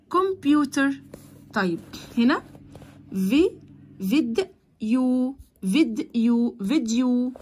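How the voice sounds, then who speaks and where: A woman with an Egyptian Arabic accent explains a children's English lesson in a high, breathy voice. She draws the English words out slowly and then explains them quickly in Arabic. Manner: switches between Arabic explanation and slow, drawn-out English words. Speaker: English teacher.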